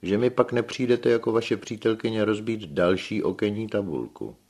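A man's voice: fairly low pitch, a little mellow, voice pushed up. A man voicing a dry, sarcastic village official in an audiobook. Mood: sardonic.

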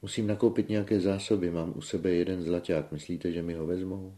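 A man reading a story aloud, voicing an anxious young village girl in a soft, hushed way. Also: low voice, level tone, pitched above the performer's own voice, close to an everyday voice. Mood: worried. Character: shy worried village girl, young woman.

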